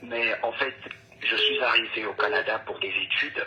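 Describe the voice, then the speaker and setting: Close to tears, a young caller phones in to an advice show, speaking politely and hesitantly with plenty of ums. His voice is on the low side and sharp in tone, with fairly even intonation at a normal speed. Faint noise sits on a dull phone line.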